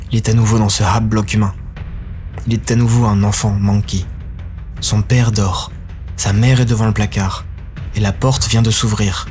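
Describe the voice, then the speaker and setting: Man narrating a dark audio story. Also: on the low side. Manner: grave, intense storytelling.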